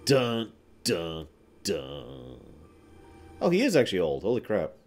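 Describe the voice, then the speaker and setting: A man's voice: low-pitched, wildly swooping pitch, slow pace, darkish tone, faint music behind. A man giving casual, jokey commentary as he plays a video game. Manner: jokey, wry.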